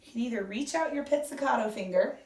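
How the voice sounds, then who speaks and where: A woman's voice: fairly high pitch, fast talker, darkish tone. A woman orchestra teacher giving a violin lesson, explaining step by step and counting beats aloud. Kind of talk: instrument lesson. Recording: echoey room, mic at a distance, violin playing.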